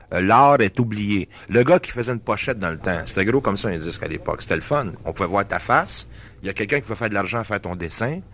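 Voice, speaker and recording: Rambling Québécois singer, low voice. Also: male voice, fairly bright tone. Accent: Québécois French. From Canada. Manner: rambling, mixes English phrases into his French. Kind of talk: casual interview talk.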